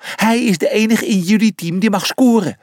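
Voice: medium pitch, normal speed, darkish tone, no room sound, clean studio sound, voice pushed up, close to an everyday voice. A storyteller voicing a female character who calls out advice from the sideline. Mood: calling. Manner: calling out, encouraging. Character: female coach calling from the sideline.

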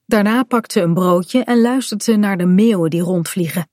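A woman calmly reading a children's story aloud in a gentle storytelling manner. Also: mid-range voice, moderate pace, no room sound, clean studio sound. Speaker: storybook reader.

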